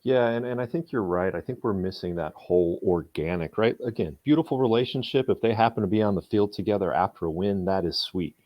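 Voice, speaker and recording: A man's voice: lowish voice, a little fast, few pauses, no echo, muffled recording. A man hosting a podcast in casual discussion, reflective and often restarting his words as he thinks. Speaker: podcast host.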